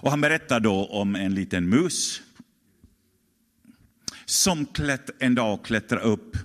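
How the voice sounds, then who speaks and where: Guy preaching a chatty sermon, tells stories, lots of restarts, long church echo. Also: lowish voice. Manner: conversational, many restarts and rhetorical questions. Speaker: pastor. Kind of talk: sermon with storytelling. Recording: long church hall reverb.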